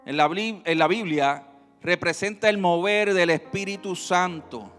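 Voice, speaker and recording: A man's voice: high-pitched, a little slow. Emphatic preacher man in echoing church. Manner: emphatic preaching with swings between loud and soft. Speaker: pastor. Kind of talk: sermon. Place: church sanctuary. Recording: reverberant hall with faint music.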